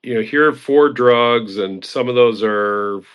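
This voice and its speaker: A man reflecting in an unhurried way in a casual online audio-room discussion. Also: medium pitch, clean tone, lo-fi sound. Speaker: discussion participant.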